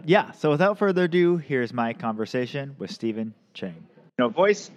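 A man in his thirties hosting a podcast in a casual, chatty way, rambling with lots of ums and restarts. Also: medium pitch. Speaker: podcast host.

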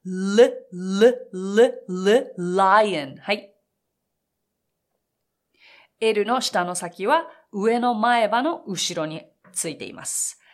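A woman teaching English phonics, modelling each word slowly and drilling single letter sounds for the listener to repeat. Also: medium pitch, lively intonation. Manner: slow, exaggerated model words, crisp sounds.

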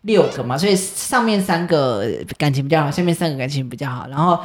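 A woman, chatting casually and telling animated stories, laughing often. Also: sits low, quick pace. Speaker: podcast co-host. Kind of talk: casual chat, storytelling.

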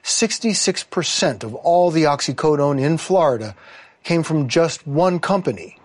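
A man reads scripted narration for an investigative news exposé in a measured, serious way with emphatic phrasing. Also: fairly high pitch, expressive, dry recording. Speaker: correspondent narrator.

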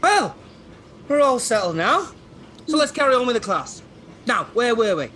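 An actor playing an upbeat, cheesy personal trainer leading a class in a sitcom. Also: male voice, very high voice, sing-song, moderate pace, pushed and bright, slight background noise, exaggerated voice. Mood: chirpy. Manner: chirpy, cheesy coach patter. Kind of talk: sitcom acting.

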